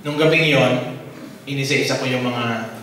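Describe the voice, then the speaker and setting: Priest telling a story in a sermon. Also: male voice, medium pitch, measured pace. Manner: animated storyteller acting out dialogue. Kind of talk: sermon testimony. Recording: distant mic in very echoey hall.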